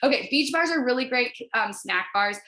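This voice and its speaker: A wellness sales coach presents to a group over a video call, her bright, forward voice animated and moving at a moderate pace. Her informal pitch is chatty and encouraging, and she leans into her points. The sound is roomy, with noticeable echo around her voice.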